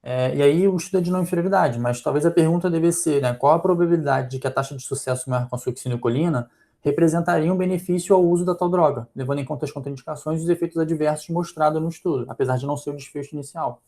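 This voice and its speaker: Fast, gravelly Brazilian man critiquing a study. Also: a little high, warm tone. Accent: Brazilian Portuguese. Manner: analytical, thinking aloud with frequent fillers. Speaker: physician presenting a journal article. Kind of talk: journal club critique.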